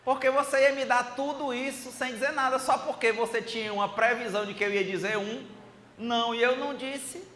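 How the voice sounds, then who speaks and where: A man doing a serene, soft-spoken holy man. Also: extremely high pitch, steady tone, fairly quick, voice pushed up. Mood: calm. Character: calm wise male fakir, serene old holy man. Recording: echoey hall, faint noise.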